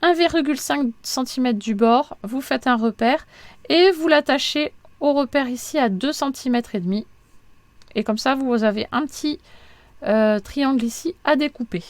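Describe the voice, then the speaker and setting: A woman's voice: high voice, normal speed, no echo. A woman giving an informal, step-by-step craft tutorial, chatty and a little apologetic, often repeating and checking herself.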